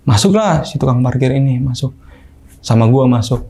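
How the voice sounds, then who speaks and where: A young man casually telling a story, animated and acting out other people's voices. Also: medium pitch, moderate pace, vocal fry, husky. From Indonesia. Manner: animated, acts out quoted voices. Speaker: guest storyteller.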